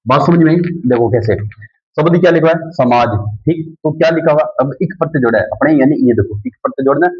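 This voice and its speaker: A man's voice: a little high, slightly rough. A male teacher giving a grammar lesson, who keeps asking questions and answering them himself, repeating the key words. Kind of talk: classroom-style grammar lesson. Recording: dull lo-fi recording.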